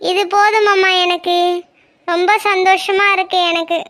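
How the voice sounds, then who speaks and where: A woman plays a shy young cartoon heroine in love, whose very high, bright voice comes out soft and timid. She pleads gently and never raises her voice in anger. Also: little pitch movement, normal speed. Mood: tender. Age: young adult. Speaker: cartoon character. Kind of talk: Tamil cartoon voice acting.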